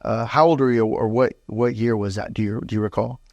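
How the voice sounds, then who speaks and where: A man's voice: medium pitch, steady tone, brisk, dry recording, lo-fi sound. A man hosting a local podcast, asking long, rambling questions full of fillers. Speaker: podcast host. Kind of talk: interview podcast.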